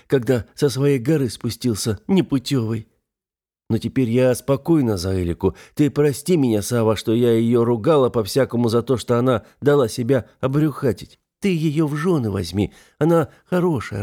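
Кастинг: растроганная пожилая крестьянка, голосом мужчины, тихо и душевно. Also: male voice, mid-range voice, normal speed, pitched above the performer's own voice, close to an everyday voice. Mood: heartfelt. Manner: soft, heartfelt. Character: older peasant woman, tearful and grateful. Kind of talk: audiobook character voice.

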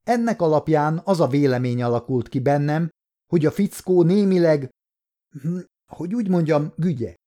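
Man voicing a police doctor witness, earnest and wry, raised pitch, mellow tone, audiobook. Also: expressive, lightly acted.

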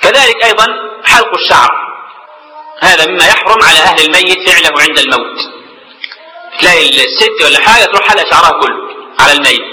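A man's voice: fairly high pitch, fast, long pauses, bright, forceful tone, long reverb tail, soft background music, low-quality recording. A man with an Egyptian accent giving a religious lecture as a sheikh. He explains points in colloquial asides and repeats words as he searches for the next phrase. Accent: Egyptian Arabic. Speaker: sheikh teaching jurisprudence.

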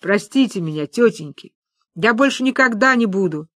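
A woman's voice: medium pitch, animated, moderate pace, a bit bright, dry recording, clean studio sound. A woman voicing a cheeky teenage boy who turns whiny and pleading, reading a story aloud. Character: scared cheeky teenage boy, a petty thug.

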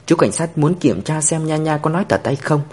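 Man reading as a patient policewoman, calm, earnest, lively pitch, husky. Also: a little fast. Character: patient firm female police officer.

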